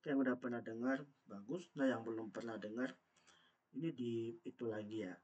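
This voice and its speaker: A man's voice: medium pitch, moderate pace, a little mellow, muffled recording. A man teaching a Mandarin vocabulary lesson. He talks patiently, repeats each word and asks his learners questions. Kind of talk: online language lesson.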